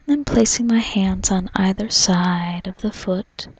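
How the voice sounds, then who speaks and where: A woman doing an ASMR role-play as a spa massage therapist, in a soft, soothing, breathy soft voice, narrating gently. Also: medium pitch, measured pace, lo-fi sound. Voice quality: breathy, mostly unvoiced soft voice. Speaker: reflexologist giving a foot massage.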